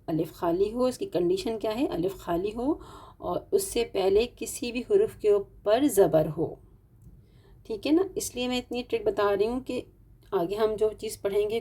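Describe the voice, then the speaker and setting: A woman with a Pakistani Urdu-speaking accent teaches an online tajweed lesson on Quran recitation in a warm, husky, mid-range voice. She explains patiently, step by step, stretching out the example words.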